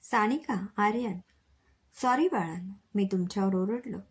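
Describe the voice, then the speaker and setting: A woman voicing a stern, work-weary middle-aged father in a storybook reading, with a breathy voice. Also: medium pitch, measured pace. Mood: gentle.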